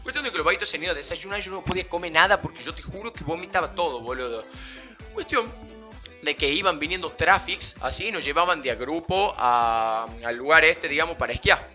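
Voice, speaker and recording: Young guy, bright and lively delivery, slangy rambling storyteller, faint music underneath. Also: on the high side, fairly quick. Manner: slangy, animated, laughing, rambling with fillers. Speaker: vlogger. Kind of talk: casual storytelling anecdote.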